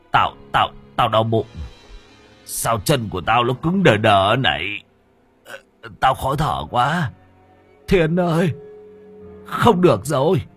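A man's voice: mid-range voice, fairly bright tone, slightly rough, voice pushed up, full character voice. A man voicing a boastful old male village drunk. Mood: panicked. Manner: coarse boasting, then panicked wailing.

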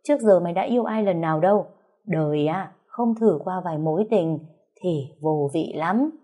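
Blunt young best friend, a woman reading; frank, pushy, low and mellow. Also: animated, normal speed. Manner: frank, teasing.

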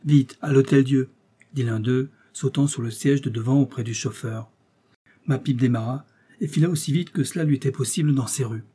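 A man giving steady, measured audiobook narration of a classic novel. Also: medium pitch, slightly rough.

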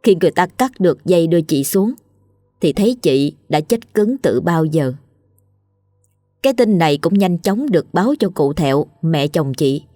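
A woman storyteller narrating a scripted ghost story in a steady, grave way. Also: lowish voice, normal speed, dry recording, studio quality, faint music behind.

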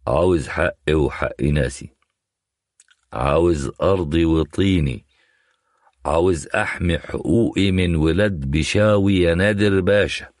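Guy putting on a bossy older egyptian counselor, boastful and pushy, deep and dry. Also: fairly quick, dry recording. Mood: demanding. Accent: Egyptian Arabic. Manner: boastful, insistent. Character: pompous retired male legal counselor, older, domineering.

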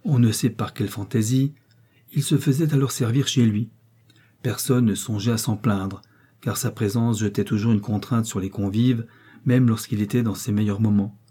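Male audiobook narrator, measured literary reading, dark and husky timbre. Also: lowish voice, fairly even intonation. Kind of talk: scripted narration of a novel.

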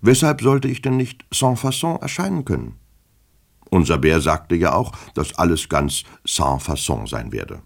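A man playing a pompous, touchy petty official, husky. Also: deep voice, big pitch swings, measured pace, exaggerated voice. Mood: fretful musing. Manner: stiffly formal, indignant, self-important.

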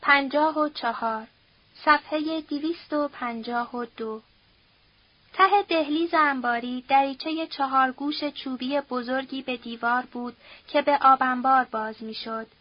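A woman reading a novel aloud as an audiobook narrator, at a steady, measured pace. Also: sits high, no echo, dull audio. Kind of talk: scripted narration.

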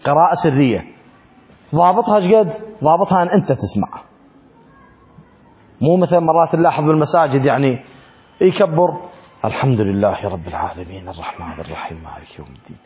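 Brief: male religious teacher, voice a bit on the high side, lecture style with questions and repeated key words. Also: a little mellow. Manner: asks questions and answers them himself. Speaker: teacher of Islamic law. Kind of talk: religious lesson, explaining a classical text.

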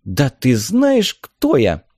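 A man voicing a haughty, angry woman in a storybook reading, sharp and scornful. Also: mid-range voice, very animated, slow pace, dry recording, studio quality, pitched above the performer's own voice.

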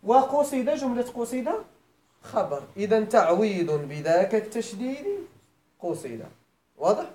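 Moroccan male grammar teacher, middle-aged, animated up-and-down delivery, checks in with the class often, roomy echo. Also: high-pitched, measured pace. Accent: Moroccan Arabic. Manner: explains step by step, repeats phrases, checks students' understanding; switches between formal Arabic and Moroccan dialect. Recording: echoey room.

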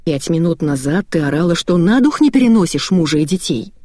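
A woman voicing a weary, stern elderly grandmother who scolds calmly. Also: lowish voice, a little fast, no echo, clean studio sound.

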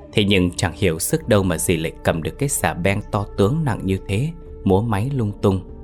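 A man narrating a horror story in a steady, somber way. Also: deep voice. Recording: faint background music.

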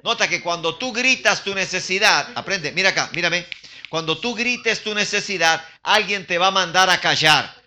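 An older man preaching a sermon in a church, animated, asking his congregation questions and slipping into English phrases. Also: high voice, moderate pace. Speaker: pastor.

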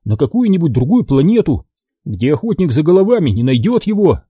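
Man doing a young apprentice, wry, reluctant, dark husky tone. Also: a little high, big pitch swings, a little fast, no echo, voice pushed up. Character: young male apprentice, dutiful and dry.

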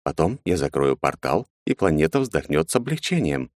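A man voicing a tall insect-helmed alien man who is calm and polite, with a pleasant, slightly mechanical voice. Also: very deep voice, normal speed, no room sound, clean studio sound. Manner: calm, polite, quietly threatening.

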